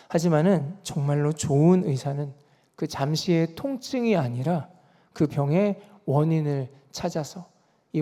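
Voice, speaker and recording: A man's voice: on the high side, mellow. A male pastor giving an earnest dawn prayer sermon, voice rising for emphasis. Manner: earnest preaching with emphatic rises. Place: church sanctuary. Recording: reverberant church sanctuary.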